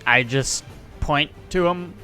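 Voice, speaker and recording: Joueur masculin décontracté et lent. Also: male voice, on the high side, slow pace, bright, forceful tone, soft background music. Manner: laid-back, describes his character's actions. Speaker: player. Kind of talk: casual tabletop play.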